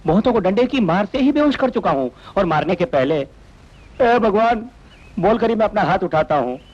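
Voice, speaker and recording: A comic, self-pitying middle-aged constable who whines and pleads about his troubles. His voice sits high for a man. The sound is dull and lo-fi, as in an old dubbed film. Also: expressive, moderate pace, a little mellow. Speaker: police constable. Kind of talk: Hindi film dubbing.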